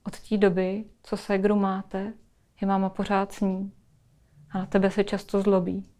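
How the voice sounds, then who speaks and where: A woman calmly leading a guided imagery exercise in a webinar, speaking softly and narrating a scene. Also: medium pitch. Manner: soft, calm, storytelling.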